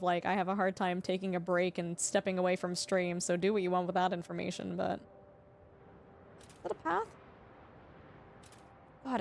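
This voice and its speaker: A Canadian woman whose first language is English chats casually with viewers while livestreaming a game, rambling, restarting sentences and laughing easily. Her voice is mid-range, with slight background noise.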